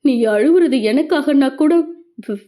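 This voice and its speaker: A woman voicing an injured young woman who gently scolds and reassures her beloved, in an audio novel. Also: sits high, animated, unhurried. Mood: tender firm. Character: injured young woman, tender but firm.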